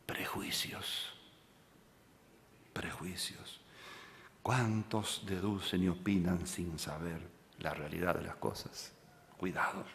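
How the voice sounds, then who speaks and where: A pastor, preaching a sermon and telling a story that he acts out, moving from loud passages to hushed ones. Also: sits low, unhurried, creaky, in a large hall, a little hiss or hum.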